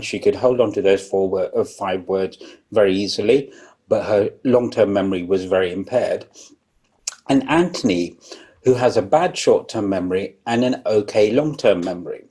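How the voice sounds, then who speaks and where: A man with a somewhat low, husky voice gives a public lecture. He explains step by step, with frequent ums and restarts. He sounds a little rough from coughing and talks around a throat lozenge. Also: moderate pace, warm tone.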